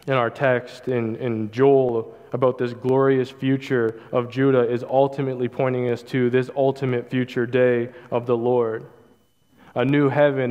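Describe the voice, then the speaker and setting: A young man preaching a sermon as pastor, in a measured, earnest delivery with emphatic repetition. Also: medium pitch. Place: church stage, large hall. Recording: hall reverb, dull lo-fi sound.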